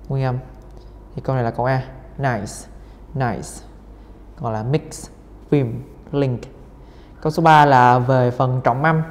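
A man's voice: mid-range voice, a little mellow. A man teaching English as he works through exam questions, repeating each word over and over with many fillers. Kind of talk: exam-solving lesson. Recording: reverberant room, faint noise.

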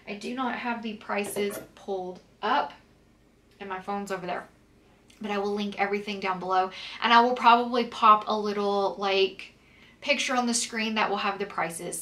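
A woman's voice: medium pitch, fairly bright tone, recorded from a distance. A woman vlogger reviewing skincare in a chatty, casual way with many "um"s and "like"s, a little stuffy and sniffly from a cold. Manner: chatty, lots of "um" and "like". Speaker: beauty vlogger. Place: home, in winter with snow outside.

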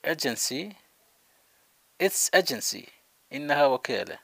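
A man teaching English words, repeating each one slowly and checking that his students follow. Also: medium pitch, sing-song, gravelly, fairly bright tone, husky, no room sound. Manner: slow repetition of words, checking in. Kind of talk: vocabulary lesson.

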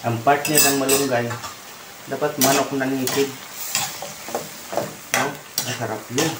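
A man with a Filipino accent hosting a casual cooking vlog, chatting and giving shout-outs to viewers while he stirs a pan. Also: mid-range voice, steady tone, a little slow, heavy background noise. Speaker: cooking vlogger. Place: home kitchen, indoors, at a stove. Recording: roomy kitchen with loud sizzling and clattering pans.

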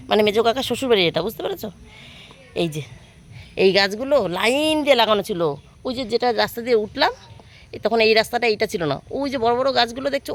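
A woman in her thirties filming a casual walking vlog outdoors on a phone, chatting and pointing things out to viewers. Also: a little high. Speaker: vlogger. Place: outdoors in a village among trees.

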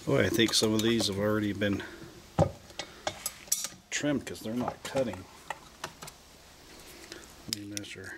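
A man's voice: lowish voice, unhurried, pauses often, very noisy. A man casually walking through a hands-on how-to at his bench, plainspoken and rambling, with hiccups. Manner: plainspoken, rambling, self-interrupting. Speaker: hobbyist reloader.

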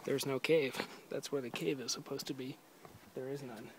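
A young man vlogs a hike into a handheld camera, joking and offhand in casual narration. His medium-pitched voice has fairly even intonation and normal speed, and a busy, crowded scenic lookout makes the background noisy.

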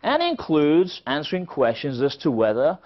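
A middle-aged Englishman delivers a conference keynote in a hall before a seated audience, telling stories laced with dry, wry asides. His voice sits on the high side and swings hugely in pitch at a moderate pace. The recording sounds dull and lo-fi.

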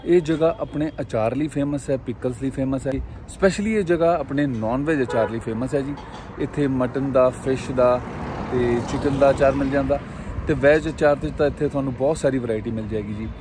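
A man's voice: mid-range voice, moderate pace. A man narrating a casual food and travel vlog outdoors, speaking politely and explaining things to his viewers. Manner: friendly, explanatory, polite with frequent "ji". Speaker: food vlogger. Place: roadside by a hill town market, outdoors. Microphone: phone or camera held at arm's length. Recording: outdoor noise and passing traffic.

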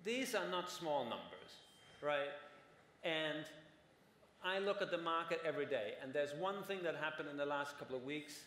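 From the stage of a large conference hall, a panelist in his forties explains at length and often asks "right?" to check in. He sounds animated, with a fairly high, fairly bright voice at normal speed. Slight background noise and the long reverb of a roomy hall are audible.

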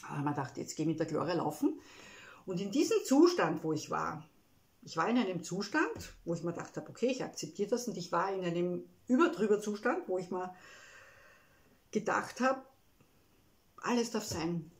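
A woman with an Austrian German accent and a lowish voice with lively intonation gives a personal, reflective self-help talk. She speaks emotionally and haltingly, using frequent tag words.

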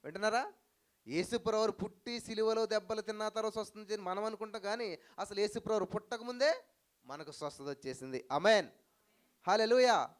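A male pastor preaching a sermon to a live congregation, with rhetorical questions and loud hallelujah cries. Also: high voice, fast. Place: church hall with live audience.

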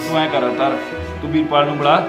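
Lightly acting, a man voices a tired younger brother in a comedic family sketch, someone sick of the constant fights who readily yields to his older sibling. He speaks quickly on the high side with fairly even intonation, and music plays in an echoey room.

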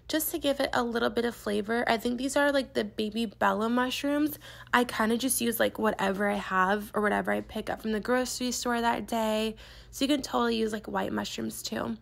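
In her home kitchen, a young East Coast American woman narrates her meal prep as a vlogger, in a casual voice-over. Her fairly high, fairly bright voice has vocal fry, and she gushes chattily while saying "like" constantly.

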